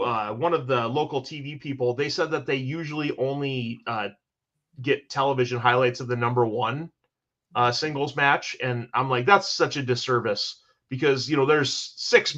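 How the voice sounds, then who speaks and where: A man's voice: medium pitch, fairly bright tone, dull audio. A man hosting a casual sports podcast, talking in an enthusiastic, rambling way with many restarts as he recaps match scores. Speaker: host.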